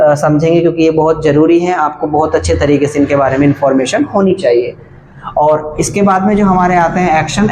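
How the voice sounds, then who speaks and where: Man, English teacher, fairly high voice, patient repetition of examples. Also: darkish tone. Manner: explains step by step, repeating example sentences slowly. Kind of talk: online grammar lesson.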